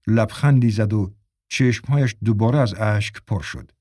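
A man's voice: fairly low pitch, a little mellow, no echo, studio quality. Man narrating a story evenly. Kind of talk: scripted audiobook narration.

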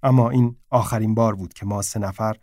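A man's voice: on the low side, fairly even intonation, warm tone, no echo. Man reading a story, dry close sound. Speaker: narrator. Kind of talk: reading a short story aloud.

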